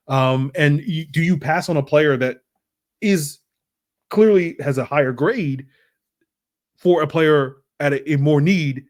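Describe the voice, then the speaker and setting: A man hosting a football podcast, talking through draft prospects in a loose, conversational way with lots of fillers and restarts. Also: mid-range voice. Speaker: podcast host. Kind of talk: casual sports analysis podcast.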